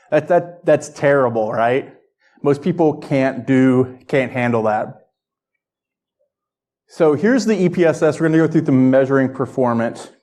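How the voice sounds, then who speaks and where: A man with a medium-pitched voice speaks as a presenter at a technical conference. He delivers an informal lightning talk in a conversational manner, addressing his listeners directly and checking that they follow. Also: darkish tone.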